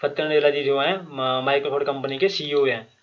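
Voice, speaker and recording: A man's voice: medium pitch, steady tone, normal speed. A man teaching an exam-prep quiz lesson, reading each question and its options aloud, repeating them, then explaining the answer with fillers and restarts. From Himachal Pradesh. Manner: frequent fillers and restarts, addresses viewers directly. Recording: muffled lo-fi recording.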